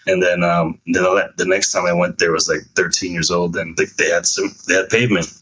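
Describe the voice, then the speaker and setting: A deep-voiced man in his thirties tells his life story as a veteran guest on a talk show. His voice has a husky edge, and he talks in a relaxed, loose way with a bit of street slang. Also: brisk, muffled recording. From United States (San Francisco). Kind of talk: casual chat.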